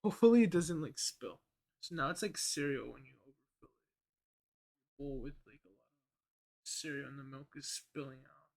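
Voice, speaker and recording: A man's voice: medium pitch, moderate pace, creaky, long pauses, darkish tone. A young man streaming live, eating and chatting casually with lots of fillers and laughter. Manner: laughing, rambling, cursing, filler-heavy.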